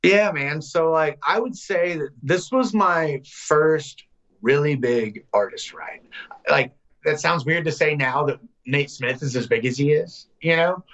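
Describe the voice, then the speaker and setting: A man in his thirties, a songwriter guest, telling casual, animated stories in an interview. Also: a little high, dull audio. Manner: animated, loose storyteller, slips into quick voices.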